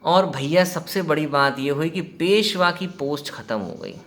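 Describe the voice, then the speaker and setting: A man's voice: on the high side, expressive, unhurried, fairly bright tone. A man giving an exam-prep history lecture in a chatty way, mixing Hindi and English, asking his students questions and acting out quoted exchanges. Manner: conversational, mixes Hindi and English, quizzes listeners, acts out quoted exchanges. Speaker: history teacher.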